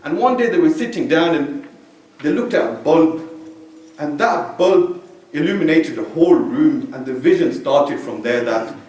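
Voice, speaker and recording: A man from Belgium gives a conversational sermon in a mosque hall, padding his talk with "you know" as he goes. His voice sits on the high side. He stands back from a stand mic, so the sound is distant and swims in heavy room echo. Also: animated, moderate pace, darkish tone. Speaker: religious speaker. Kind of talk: informal sermon.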